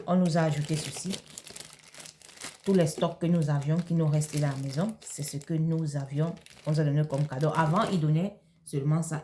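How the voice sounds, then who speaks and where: This woman from Cameroon chats casually in her vlog, responding to viewer questions hesitantly with many fillers and false starts. She has a deep voice and a dark tone, with a little hiss or hum in the recording.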